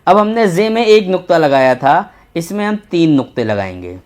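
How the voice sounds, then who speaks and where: A man teaching a children's Urdu lesson, patient and slow, repeating each letter as he writes. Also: a little high, sing-song, a little mellow. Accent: Indian Urdu. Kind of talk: textbook lesson for young children.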